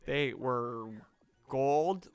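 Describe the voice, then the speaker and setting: A man's voice: mid-range voice, very slow, clear, resonant tone, faint music behind. A man co-hosting a video game let's play, joking playfully and talking to the viewers. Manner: animated, playful, talks to the viewers. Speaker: co-host playing a video game. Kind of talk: casual let's play chat.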